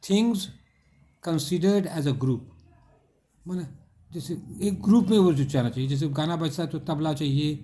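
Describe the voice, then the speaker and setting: A man's voice: fairly high pitch, moderate pace, dark tone. A middle-aged male teacher, explaining an English textbook exercise and patiently spelling words out letter by letter.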